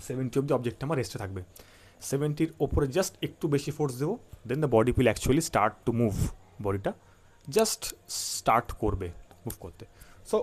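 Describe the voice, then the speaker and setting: A man with a Bengali accent teaching a physics lesson at an ordinary, middle pitch. He poses questions and answers them himself, repeats key points, and often checks that the listener is following. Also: darkish tone. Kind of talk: classroom-style lecture.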